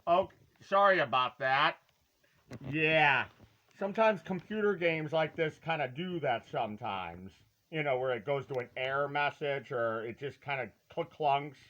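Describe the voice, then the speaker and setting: A man shows off a retro collectible, chatting casually in a rambling, halting way with a playful, hammy, folksy delivery and drawn-out words. His voice sits on the high side and sounds bright and forceful, though the recording is muffled.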